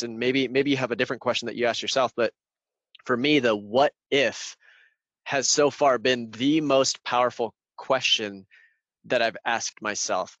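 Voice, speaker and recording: A man's voice: mid-range voice, fairly bright tone, no room sound. Casual male podcaster, very dry closet sound. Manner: rambling, conversational, informal. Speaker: podcast host. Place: small clothes-filled closet as home studio.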